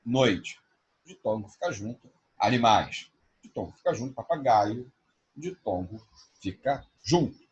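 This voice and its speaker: A man teaching an online class, spelling out examples slowly. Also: mid-range voice, very animated, slightly rough, lo-fi sound.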